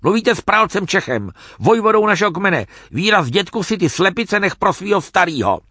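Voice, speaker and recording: A man's voice: high voice, big pitch swings, bright, forceful tone, no echo, studio quality, pitched above the performer's own voice, exaggerated voice. A man voicing a hot-headed, loyal young male warrior who barks indignantly. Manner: indignant, barking.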